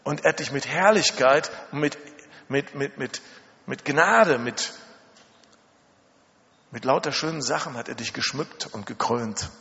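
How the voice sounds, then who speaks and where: With a bright, forceful, medium-pitched voice, a middle-aged German preacher shares personal stories at a measured pace, pausing often and leaning on dramatic repetition and rhetorical questions. The big reverberant hall leaves the audio muffled and echoing.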